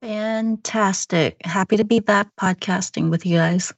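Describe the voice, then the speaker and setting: Female co-host, casual podcast chat, unhurried slow delivery, dry recording. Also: mid-range voice, no echo.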